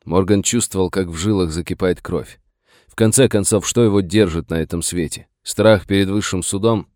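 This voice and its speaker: A man narrating an adventure novel in a measured storytelling manner. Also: sits low, darkish tone, no room sound, clean studio sound. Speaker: audiobook narrator. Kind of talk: scripted narration.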